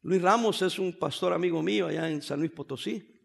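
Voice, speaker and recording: A pastor in his fifties preaches a sermon from the pulpit in a high, brisk voice with vocal fry. His delivery is animated and joking, and he sprinkles English phrases into his talk.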